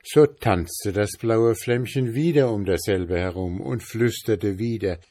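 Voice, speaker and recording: A man reading a folk tale aloud in a slow, even storyteller's manner. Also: on the low side, dry recording.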